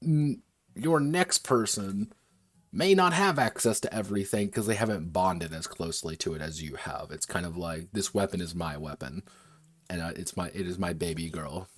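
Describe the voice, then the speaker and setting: A game designer streaming a workshop from his desk talks casually in a deep voice at a moderate pace. He drifts between asides and keeps restarting his sentences.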